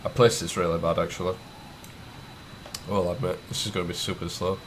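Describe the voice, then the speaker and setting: This casual screen-recorded game tutorial features a man with a cold who sniffles as he clicks, types, and chats his thoughts aloud. He speaks low and flat at a brisk clip, with slight background noise.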